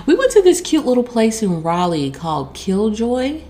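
A woman's voice: on the high side, very animated, normal speed, dark tone, a little hiss or hum. An American woman co-hosting a podcast, chatting casually and informally with a friend in slangy, conversational speech. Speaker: podcast co-host. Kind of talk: casual chat between friends.

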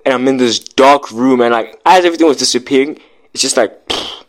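A young man with a mid-range voice tells a story in loose street slang. He rambles, drops "like" between nearly every phrase, and keeps a casual vlog delivery. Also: a little hiss or hum. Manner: rambling, fills every pause with "like"; grows louder and higher as the story builds. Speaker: vlogger.

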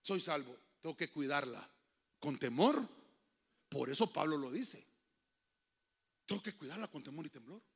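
A man preaching a sermon as a pastor in a church, shifting from fiery outbursts to quiet asides and speaking to the congregation as brothers. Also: on the high side, sing-song, moderate pace, gravelly, pauses often, husky. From Honduras.

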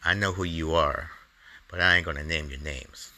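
A man's voice: a bass voice, steady tone, normal speed, pushed and bright. A man hosting his own show, delivering an angry, profane opinion monologue in a heated, ranting way. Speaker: comedian podcast host.

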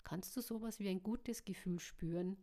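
A spirited young half-blood woman speaks her mind with lively directness, as a woman reading aloud plays her. She sounds like a storybook heroine, close to the narrator's own voice. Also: mid-range voice, moderate pace, lightly acted.

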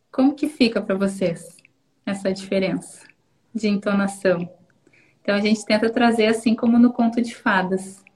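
A woman's voice: mid-range voice, a little mellow, rough recording. Woman, educator, conversational, explains with examples, live talk.

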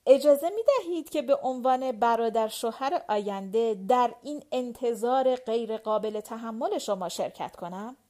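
A woman reading an audiobook, voicing a gentle, earnest young male general who speaks softly. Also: fairly high pitch, few pauses, natural voice. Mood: polite. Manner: soft, gentle.

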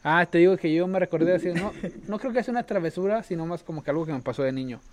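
A man's voice: fairly high pitch, quick pace, darkish tone. A young man with a Mexican accent, telling childhood stories in a slangy casual chat, laughing at his own tales. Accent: Mexican Spanish. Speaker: podcast co-host.

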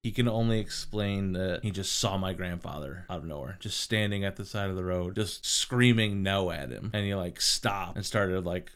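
A young man with a low, smooth and resonant voice tells stories in a loose, casual way. He rambles and fills his sentences with "like" and "um". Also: moderate pace, few pauses, fairly bright tone. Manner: rambling, many "like" and "um" fillers. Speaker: podcast co-host. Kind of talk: casual storytelling.

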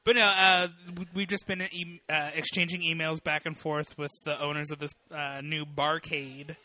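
A man's voice: on the high side, flat delivery, moderate pace, pushed and bright. A man co-hosting a podcast in casual chat, rambling with lots of fillers. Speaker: podcast co-host.

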